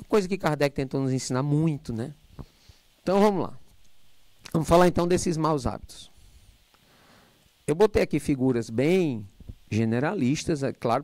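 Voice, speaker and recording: Middle-aged man, spiritist lecture, loud and jokey, handheld mic, fairly high voice, dry sound. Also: dry recording. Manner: loud, animated, joking asides. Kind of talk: lecture to a live audience. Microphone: handheld microphone.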